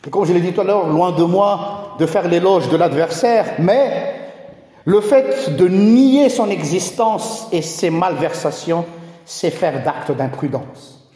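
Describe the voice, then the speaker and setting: A man with a high, mellow voice preaches a sermon in a teaching, rhetorical manner. His words ring out through a large hall with a long, echoing tail. He speaks straight to the congregation. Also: slow. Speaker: pastor. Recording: echoey hall with long reverb.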